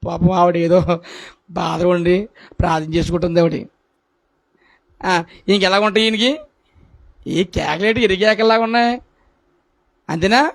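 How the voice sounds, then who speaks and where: High-voiced guy preaching at a prayer meeting, says things over and over, keeps asking the congregation questions. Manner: repetitive, asks the congregation rhetorical questions.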